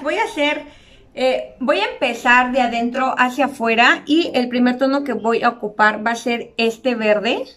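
A young woman talks her viewers through a makeup look. Her voice sits a bit high, chatty and effusive as she admires the colors. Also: fairly bright tone. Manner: chatty, addresses viewers as girls, gushes over colors. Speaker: beauty vlogger. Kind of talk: makeup tutorial chat.

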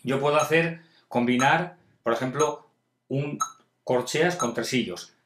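A man's voice: mid-range voice, a little slow, a bit bright, roomy sound. A male music teacher explaining rhythms in a homemade video masterclass, chanting rhythm syllables in time. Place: at home.

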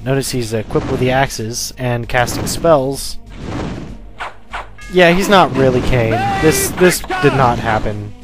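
Offhand man commentating over loud game music. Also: mid-range voice, lively intonation, takes it slowly. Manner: offhand, wry, explanatory. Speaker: let's play host. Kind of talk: casual video game commentary.

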